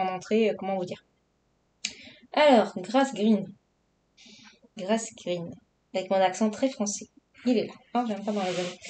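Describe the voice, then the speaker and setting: A woman's voice: mid-range voice, darkish tone, a little hiss or hum. A woman from Marseille, chatting casually and rambling in her vlog with lots of fillers. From Marseille, southern France. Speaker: coloring vlogger. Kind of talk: casual chat.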